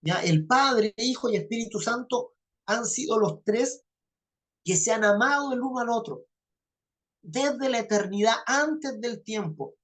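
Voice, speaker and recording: A woman's voice: on the high side, unhurried. A woman teaching a Bible class. She keeps checking in with her listeners and repeats phrases for emphasis. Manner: checks understanding with frequent "¿ya?".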